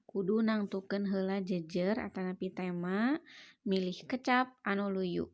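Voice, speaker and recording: A woman's voice: medium pitch, creaky. A woman teacher with a Sundanese accent giving a lesson, explaining each point and then repeating it more simply. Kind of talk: classroom lesson.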